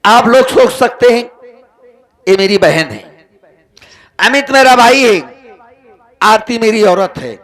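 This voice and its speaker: A man's voice: very high voice, animated, slow pace, pauses often, a bit bright, full character voice. A man playing a betrayed, hot-tempered brother in a folk stage drama, declaiming melodramatically to the audience.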